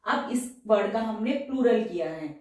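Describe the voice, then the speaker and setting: A woman teacher works through shorthand exercises step by step and slowly repeats each example word. Her tone is dark and mellow. She sits away from the mic in a strongly echoing room. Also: medium pitch, animated, recorded from a distance. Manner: slow, careful repetition of example words. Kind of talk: step-by-step tutorial.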